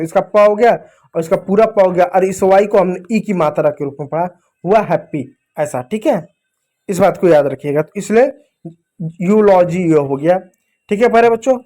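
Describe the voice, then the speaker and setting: A man teaching English reading to children, asking and answering his own questions and spelling out letters slowly. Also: sits high, a little mellow. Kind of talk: spoken phonics lesson for children.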